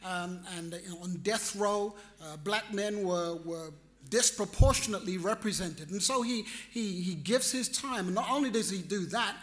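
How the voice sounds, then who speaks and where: A man telling a personal story in a reflective, animated way, acting out his own reactions. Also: sits high, moderate pace. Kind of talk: storytelling talk.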